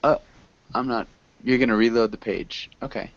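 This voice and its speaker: This male tutor teaches an English class online at a moderate pace, his mid-range voice easygoing and encouraging, his manner friendly and patient. The sound comes over a video call, dry and dull, with no room sound.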